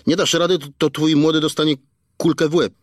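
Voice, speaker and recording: A man's voice: on the high side, level tone, brisk, no echo, clean studio sound, pitched above the performer's own voice, natural voice. A man reading an audiobook, voicing a crude male kidnapper who stammers and mocks over the phone. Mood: threatening. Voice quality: stammering, slangy and mocking.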